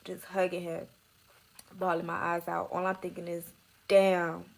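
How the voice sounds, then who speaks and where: Gravelly young woman telling her story. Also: fairly low pitch, completely flat delivery, moderate pace. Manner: candid, profane, emotional, drops to soft near-whispers. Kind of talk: emotional personal storytelling.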